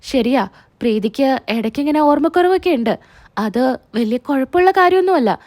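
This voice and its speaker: A woman reading the lines of an elderly grandmother who speaks calmly and reassuringly. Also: sits high, moderate pace. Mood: soothing. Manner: calm, reassuring. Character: elderly grandmother, mild and soothing.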